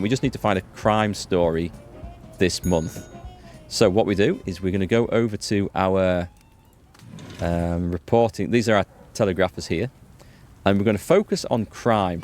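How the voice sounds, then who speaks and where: Music sits under this man's voice as he hosts a relaxed let's play, talking through what he's doing and musing out loud. He speaks low, with a darkish tone.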